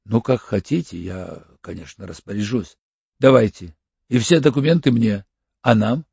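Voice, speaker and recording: A man's voice: on the low side, normal speed, gravelly, darkish tone, husky, no echo. A male audiobook reader voicing a tired, cynical officer who talks in an offhand, slightly mocking way. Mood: dismissive. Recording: dull lo-fi audiobook recording.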